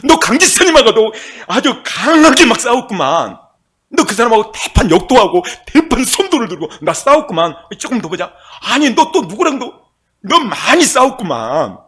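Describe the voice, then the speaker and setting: Man putting on a gruff bossy apostle, husky, lively, keeps scolding. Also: very high voice, normal speed, voice pushed up, full character voice. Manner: blunt, scolding.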